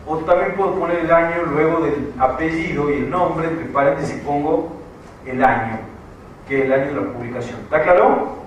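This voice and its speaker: A man's voice: fairly high pitch, slight background noise. A man with an Argentine Spanish accent teaching a writing class. He explains step by step, repeats his points and keeps checking that students follow. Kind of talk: classroom lecture. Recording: far-off echoey classroom recording.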